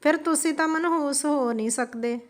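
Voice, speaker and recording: A woman's voice: high voice, normal speed, pitched above the performer's own voice, natural voice. A woman reading as an earnest young boy. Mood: innocent. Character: young boy, innocent, pleading, loves his granny.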